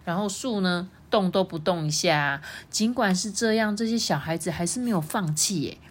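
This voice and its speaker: A woman's voice: lowish voice, normal speed, slightly rough. A woman with a Taiwanese Mandarin accent reading a children's storybook aloud expressively, voicing sound effects as she goes.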